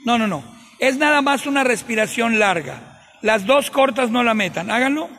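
A man coaching a group of players through breathing drills, giving short commands with pauses, with a Mexican Spanish accent. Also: extremely high pitch, animated, a bit bright. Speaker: sports coach.

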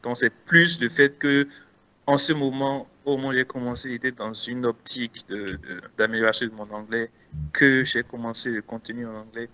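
A man's voice: mid-range voice, flat delivery, normal speed, bright, forceful tone. A man with a Beninese French accent answering interview questions casually as a guest content creator, hesitant with many restarts.

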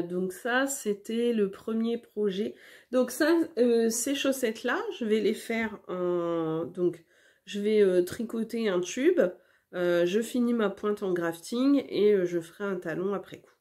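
A woman's voice: medium pitch, mellow. A woman hosting a knitting vlog, chatting casually with lots of hesitations and restarts while showing her work to the camera. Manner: hesitant, many fillers and restarts. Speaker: knitting podcast host.

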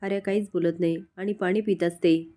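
A woman narrating a recap of a TV serial in a steady storytelling manner, voicing every character herself. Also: fairly low pitch, brisk.

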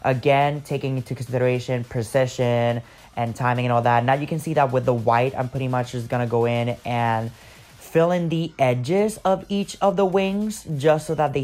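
A man's voice: mid-range voice, darkish tone. Man, casual voice-over, chatty, rambling, lots of fillers, home recording. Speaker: makeup artist.

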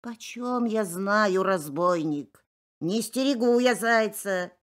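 A woman voicing a creaking old pine tree, a grandmotherly figure who groans slowly in a storybook tale. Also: medium pitch, lively intonation. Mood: grumbling. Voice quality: groaning, slow drawn-out.

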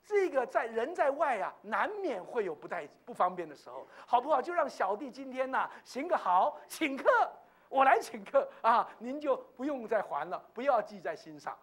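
A man's voice: very high-pitched, very animated, moderate pace, fairly bright tone, heavily acted. A preacher voicing a humble young shop boy, deferential and eager to please. He talks in courteous, slightly fawning phrases. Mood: polite.

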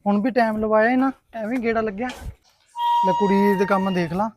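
An actor playing a protective man, fast, brisk, firm and reassuring. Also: high voice, steady tone, very noisy, lightly acted. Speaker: protective elder brother figure. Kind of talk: Punjabi web-series acting.

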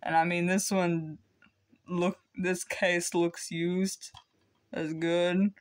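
A man's voice: sits high, little pitch movement, extremely slow. A teenage boy chatting casually as he unboxes secondhand discs at home, rambling with lots of ums. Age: teens. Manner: rambling, hesitant, many ums. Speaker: vlogger.

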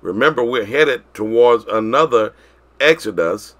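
A man preaches to his congregation in a bright, forceful tone. He pushes some lines out loud and lets others fall quiet and drawn out. His pitch sits in the middle range for a man. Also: expressive. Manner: preaching, swinging between loud declarations and quiet drawn-out phrases. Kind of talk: sermon.

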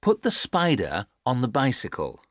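A actress as a patient instructor with a very low voice and hugely varied intonation. She speaks careful, stilted textbook dialogue in a dry studio sound. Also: wildly swooping pitch, moderate pace, no room sound, heavily acted. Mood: patient, instructive. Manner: careful, over-clear instructing. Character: patient adult giving simple picture instructions.

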